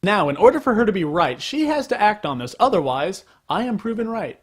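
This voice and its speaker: A young man with a high-pitched voice for a male speaker delivers a casual comedic rant. His intonation is very animated and jumps around widely. He comes across as a sarcastic, argumentative vlogger who doesn't mind being crude. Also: brisk, breathy edge.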